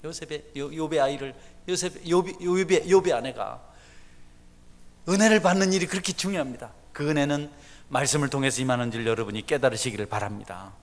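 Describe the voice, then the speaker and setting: A middle-aged man preaching a sermon as a pastor, swinging from hushed, confiding asides to loud, fervent exhortation. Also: fairly high pitch, brisk. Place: church sanctuary. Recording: church sanctuary with long reverb.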